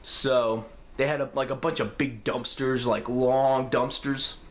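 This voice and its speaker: A man's voice: medium pitch, unhurried. Young male vlogger, casual storytime delivery, swears freely and tells it with energy. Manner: profane, animated storytelling.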